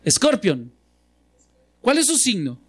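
A man preaching a sermon in a conversational way, often checking in with his listeners with quick questions. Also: very high-pitched, wildly swooping pitch, slightly rough. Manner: conversational, asks the audience frequent questions.

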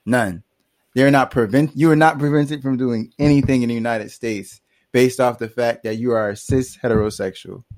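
A man's voice: medium pitch, steady tone, normal speed, darkish tone, dry recording. A man co-hosting a podcast in a casual, rambling discussion, full of fillers and laughs. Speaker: podcast co-host.

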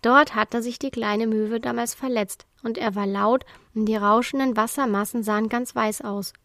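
A woman narrating a children's story in a calm storytelling manner. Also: a little high, moderate pace, no room sound.

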